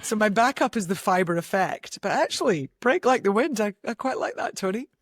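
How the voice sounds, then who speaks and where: A woman's voice: medium pitch, very animated, fairly quick, no room sound. A Scottish woman talks as a podcast guest, explaining nutrition with enthusiasm and a practical bent, laughing easily. Her voice sounds close and dry, with no room around it. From Scotland. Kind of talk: podcast interview.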